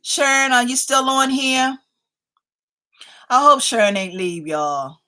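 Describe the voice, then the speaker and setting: Speaking slowly in a high, animated voice that sounds pushed and bright, this fifties-aged livestream host keeps things playful and chatty. She reads viewer comments aloud and keeps addressing everyone as y'all.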